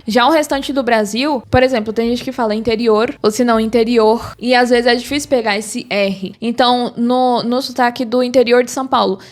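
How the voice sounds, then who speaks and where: A Brazilian woman whose first language is Portuguese gives an online English pronunciation lesson. She talks to viewers in a chatty, direct way and models English phrases as she goes, with a voice pitched a little high. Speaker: English teacher.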